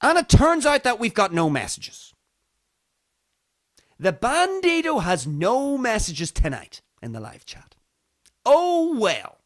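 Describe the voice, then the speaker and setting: Animated, high-pitched Northern Irish man. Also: no echo, studio quality. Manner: theatrical, emphatic repetition for effect. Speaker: livestream talk show host. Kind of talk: casual monologue to live stream audience.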